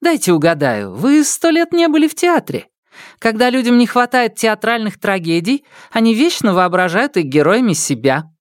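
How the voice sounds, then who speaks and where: A man reading an audiobook, voicing a sharp-tongued, mocking young court lady who teases and scolds with impatience. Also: high voice, sing-song, normal speed, no echo, clean studio sound, pitched above the performer's own voice. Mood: teasing.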